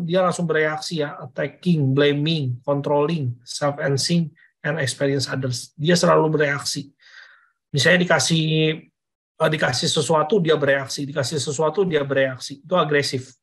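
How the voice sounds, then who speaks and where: A man's voice: fairly high pitch, husky. A man giving a casual parenting lesson to parents over slides, repeating phrases and checking in with "oke?". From Indonesia. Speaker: parenting educator.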